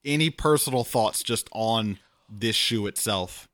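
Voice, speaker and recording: Man, casual podcast co-host, bright forward tone, chatty and self-mocking. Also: lowish voice. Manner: chatty, self-deprecating, quick asides. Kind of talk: casual chat.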